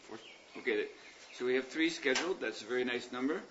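A man leading a class, giving announcements in a measured way with pauses and fillers. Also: medium pitch. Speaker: class leader. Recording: muffled recording with background noise.

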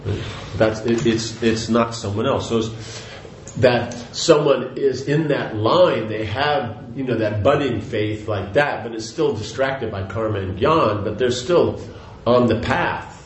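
Speaking at a measured pace with few pauses, an older spiritual teacher rambles conversationally through a devotional lecture, restarting often, adding asides and repeating "you know." His voice is mid-range, recorded in an echoey room with faint noise.

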